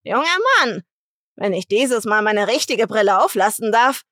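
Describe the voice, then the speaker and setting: Stern complaining lady voiced by a female narrator: pitched up, loud, husky, dry. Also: normal speed, dry recording, natural voice. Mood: insistent. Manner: brusque, complaining. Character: stern scolding woman, resolute and grumpy.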